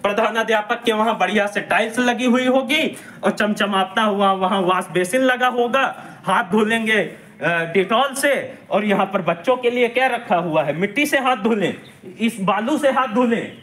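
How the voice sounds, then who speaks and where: Man, activist reporter, indignant, emphatic, loud, bright voice, roomy echo. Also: high voice, normal speed. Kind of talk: on-the-spot investigative video report. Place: village primary school grounds, walking around.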